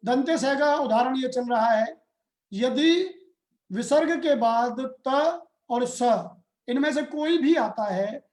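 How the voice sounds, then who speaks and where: A man gives a grammar lesson at an unhurried, measured pace. He breaks each rule into small steps and asks his students questions as he goes. His voice carries a roomy echo. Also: very high-pitched, a little mellow. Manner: slow, deliberate explaining with questions to students. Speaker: Hindi grammar teacher. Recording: roomy echoey room.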